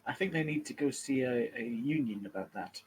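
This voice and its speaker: A player in a tabletop game, wry and deadpan. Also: mid-range voice, brisk, slight background noise, low-quality recording. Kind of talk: tabletop role-play in character.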